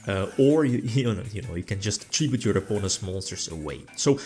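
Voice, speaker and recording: A man's voice: on the low side, expressive, brisk, a little mellow. A man giving casual, rambling commentary on his card game match, full of hesitations and restarts.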